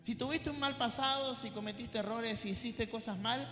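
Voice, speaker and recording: A male pastor with a Rioplatense accent preaching a sermon, animated and dropping joking asides to the congregation. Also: very high voice, moderate pace. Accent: Rioplatense Spanish. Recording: echoey church hall with faint music.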